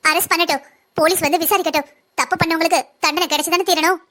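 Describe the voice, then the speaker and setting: A woman's voice: very high-pitched, fairly even intonation, very fast, bright, forceful tone. Woman voicing a firm righteous young wife. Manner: firm, stern. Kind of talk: cartoon voice acting.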